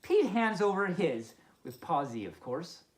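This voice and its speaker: In a roomy room with echo, a woman plays a friendly pup hosting children's story time. Her fairly low voice is very animated and measured in pace as she reads expressively and drops in playful, amused asides.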